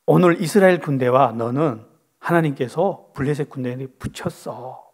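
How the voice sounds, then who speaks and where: A man's voice: mid-range voice, normal speed, a little mellow, natural voice. A man voicing a stern, contemptuous spirit that scolds a king, within a sermon. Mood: scolding. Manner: scolding, harsh.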